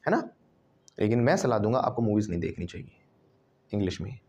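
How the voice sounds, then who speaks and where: Indian man, English teacher, lively classroom drill, call-and-response pronunciation work. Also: fairly low pitch, fairly quick. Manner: animated, drills students with call-and-response repetition. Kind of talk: classroom lesson. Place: classroom with students.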